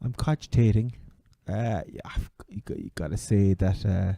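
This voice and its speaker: A man's voice: fairly low pitch, moderate pace, vocal fry, mellow, no room sound. A man with an Irish accent from Cork, co-hosting a casual chat about sport. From Ireland. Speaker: sports podcast co-host.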